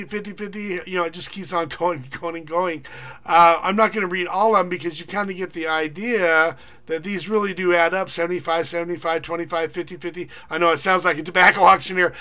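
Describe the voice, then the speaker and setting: A middle-aged man with a high, bright voice walks viewers through a money-making pitch. He rambles and hesitates, full of uhs and restarts. He rattles off long lists of payment figures. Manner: rambling, filler-heavy, reads figures off in a quick list. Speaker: online income marketer and teacher. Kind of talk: casual screen-recorded pitch.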